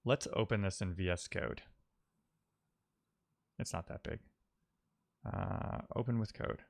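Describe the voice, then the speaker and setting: Live-streaming a coding session, a man with a low, gravelly voice speaks slowly, muttering and thinking aloud as he troubleshoots. He drops in wry asides along the way.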